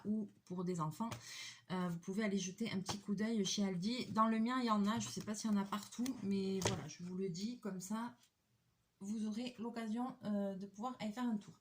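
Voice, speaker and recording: A middle-aged woman from the French Basque Country, chatting casually and rambling with many fillers as she unboxes a craft kit at home. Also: mid-range voice. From Basque Country, France. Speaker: craft vlogger.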